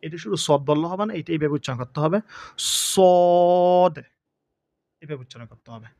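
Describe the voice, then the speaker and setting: A man's voice: fairly high pitch, lively intonation, very fast, no room sound, highs cut off. A man teaching the pronunciation of Arabic letters, stretching each sound and asking questions he answers himself. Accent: Bangladeshi. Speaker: Quran teacher.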